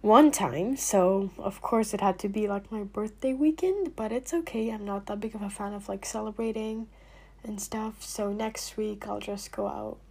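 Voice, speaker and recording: Young woman, late teens, husky, slightly hoarse, chatty vlog talk, lots of fillers, soft near-whispers. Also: mid-range voice, moderate pace. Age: young adult. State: recovering from illness, clearing throat. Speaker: vlogger. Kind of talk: casual talk to camera.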